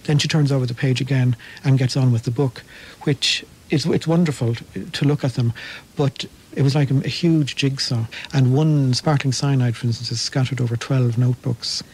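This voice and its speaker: Male guest expert, monotone-leaning, chatty, enthusiastic storyteller. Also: mid-range voice, normal speed, a little hiss or hum, poor audio. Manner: enthusiastic, anecdotal, slight restarts. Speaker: literary researcher guest. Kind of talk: conversational radio interview.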